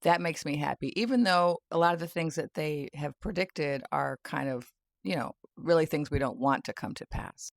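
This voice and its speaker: A tarot and spirit-guide commentator delivers a casual satirical monologue about the news from her home near a garage. Her low-pitched voice has vocal fry and a moderate pace, and she often breaks into laughter, talking with sardonic glee. The sound is clean, dry and studio-like.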